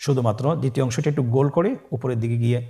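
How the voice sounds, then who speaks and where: A man teaching Quran letter pronunciation step by step, slowly drawing out each letter for the listener to repeat. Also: medium pitch, warm tone. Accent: Bangladeshi Bengali. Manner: slow, drawn-out model pronunciations for the listener to repeat.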